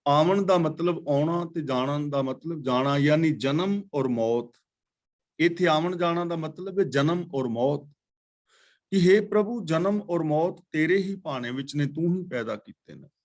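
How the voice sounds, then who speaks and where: A man teaching a scripture class, chanting verses slowly and then patiently explaining them word by word. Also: a little high. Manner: patient, corrects pronunciation. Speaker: katha teacher.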